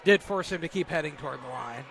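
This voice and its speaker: Higher-voiced man giving game stats. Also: expressive, fast talker, vocal fry. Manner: stat-focused, conversational analysis. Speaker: color commentator. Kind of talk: live sports commentary. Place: high school gym. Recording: noisy gym ambience behind.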